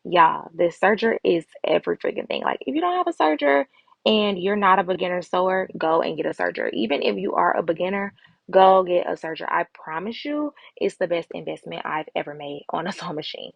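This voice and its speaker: A woman's voice: lowish voice, expressive, brisk, vocal fry, highs cut off. A woman giving a casual, chatty voice-over tutorial, her speech slightly slurred by a retainer she is wearing. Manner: chatty, informal, addresses viewers as y'all. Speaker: host of a sewing vlog.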